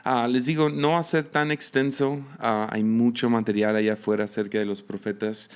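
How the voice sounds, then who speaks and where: A man's voice: medium pitch, steady tone, normal speed, clean tone. A man in his thirties with a Mexican Spanish accent, hosting a solo podcast in a casual, hesitant way with many fillers and restarts. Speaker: podcast host and missionary.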